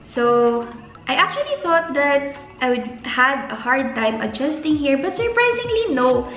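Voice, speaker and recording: A woman's voice: sits high, animated, measured pace, a bit bright. A young Filipino woman with a Filipino accent, a graduate student giving casual, earnest advice in a vlog and stretching words for emphasis. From Philippines. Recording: echoey room with faint music.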